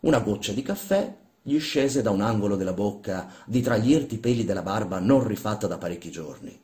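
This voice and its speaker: A man giving an expressive, measured literary reading. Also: on the low side. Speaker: reader. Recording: roomy echo.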